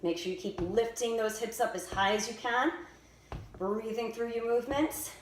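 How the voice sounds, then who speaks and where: A woman's voice: a little high, steady tone, normal speed. A woman fitness instructor giving directive, step-by-step workout instruction and exercise cues. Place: indoors by a staircase. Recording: echoey room with faint noise.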